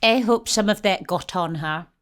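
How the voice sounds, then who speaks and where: A woman's voice: mid-range voice, normal speed, loud music behind the voice. A woman reacting to a film with crude, ranting comedy, talking in a put-on Scottish accent like a stern old teacher. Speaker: reaction video host.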